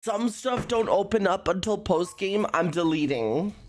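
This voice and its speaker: Playful streamer woman, lively, unhurried. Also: mid-range voice. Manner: playful and goofy, chatting with viewers, making silly sound effects. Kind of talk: casual game-stream chatter.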